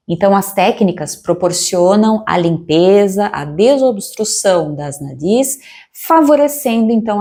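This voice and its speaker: Slow, measured woman teaching. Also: mid-range voice. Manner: calm, measured explanation with careful pronunciation. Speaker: yoga teacher. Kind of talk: recorded yoga theory lesson.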